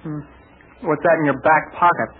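An actor playing an eager, boyish young adventurer, earnest and exclamatory, in a 1940s radio serial. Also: male voice, a little high, fairly even intonation, moderate pace, close to an everyday voice. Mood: curious. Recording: scratchy, tinny 1940s radio recording.

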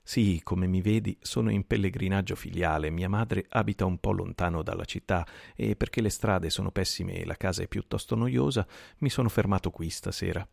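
A man's voice: deep voice, a little fast, vocal fry, hardly any pauses, darkish tone, dry recording, studio quality, heavily acted. A man voicing a cheerful, cordial young male Oxford student who talks in a breezy, affectionate, teasing way. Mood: jovial.

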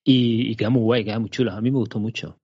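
A man from Spain with a Spanish accent, co-hosting a podcast in relaxed casual chat, telling stories and laughing often. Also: mid-range voice, fast, husky, no echo, muffled recording. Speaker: podcast co-host.

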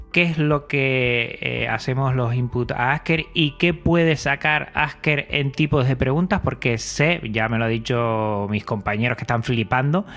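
A man's voice: mid-range voice, a bit bright. A man hosting a casual interview, asking long questions with hesitant fillers. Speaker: host.

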